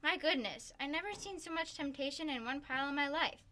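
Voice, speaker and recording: A girl playing a sensible, gently scolding wife. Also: high voice, a little fast. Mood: chiding. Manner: gently chiding, sweet, correcting her husband. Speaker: school radio play actor. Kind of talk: old-time radio comedy acting.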